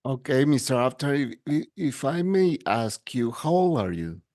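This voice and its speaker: A man's voice: medium pitch, very animated, normal speed, darkish tone. A man interviewing a guest, asking brief, polite questions.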